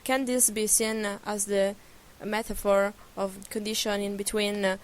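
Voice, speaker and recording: A woman's voice: mid-range voice, little pitch movement, normal speed, slight background noise. A woman interviewer outdoors, asking long questions in English and searching for words with frequent uhs.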